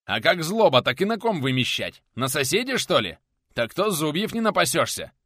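A man's voice: mid-range voice, sing-song, normal speed, no room sound, studio quality, pitched above the performer's own voice. A man voicing a brash bearded young warrior who barks his lines. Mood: gruff. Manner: loud barking retorts.

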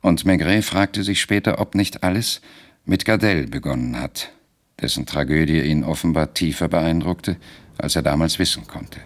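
A man narrating a radio drama in a measured, deliberate storytelling manner. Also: rumbling low.

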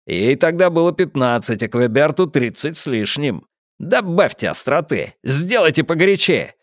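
A man reading an audiobook and voicing a pushy publisher who talks smoothly and coaxingly. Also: on the high side, sing-song, normal speed, no room sound, clean studio sound, pitched above the performer's own voice. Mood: wheedling. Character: pushy male publisher, slick and unbothered.

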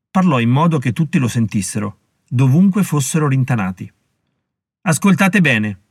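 A man narrating an audiobook in a measured, even reading. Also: medium pitch, dry recording, clean studio sound.

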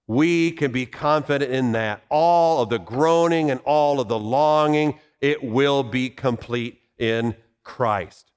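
A man's voice: medium pitch, takes it slowly, clean tone. A man preaching a sermon in a conversational way, explaining Bible verses with asides and rhetorical questions. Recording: long hall reverb.

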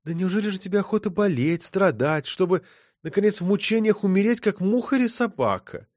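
A man's voice: high-pitched, lively intonation, fairly quick, darkish tone, no room sound, studio quality, pitched above the performer's own voice. A man voicing a mocking, cruel young woman in a teasing, cloying tone.

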